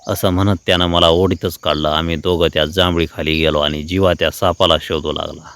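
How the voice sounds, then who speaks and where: A man narrating a short story in a steady, measured reading. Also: deep voice, clear, resonant tone.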